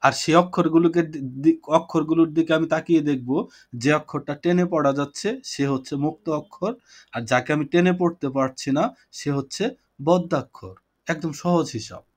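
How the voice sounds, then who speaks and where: This online poetry lecture comes from a man with a fairly quick, somewhat high voice. He explains things patiently to his students on a video call, going over points again and asking them questions.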